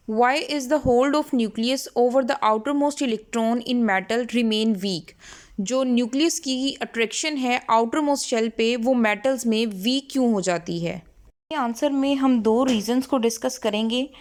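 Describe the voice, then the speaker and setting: A woman tutoring chemistry, who reads each textbook line slowly in English and then explains it in Hindi-Urdu. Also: a little high. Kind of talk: textbook lesson reading and explaining.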